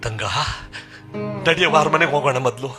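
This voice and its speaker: A man's voice: medium pitch, brisk, over music, pitched below the performer's own voice, close to an everyday voice. Anxious king and elder brother in a sung story, urgent and questioning, performed by a man. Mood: anguished.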